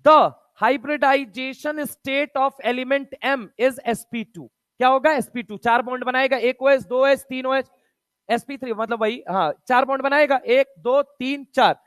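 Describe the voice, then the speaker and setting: A man with a very high-pitched voice teaches a chemistry lesson. He fires rapid questions at his students, counts atoms aloud and slips between Hindi and English textbook phrases with casual, chummy energy. The sound is dry and close, with no room around it. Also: steady tone, a bit bright, no room sound. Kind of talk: online chemistry lecture.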